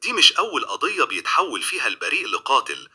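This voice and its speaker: Cold, menacing woman lawyer, read by a man with an Egyptian accent, bright husky tone, lively delivery. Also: medium pitch, fast talker, exaggerated voice. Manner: cold, quietly threatening.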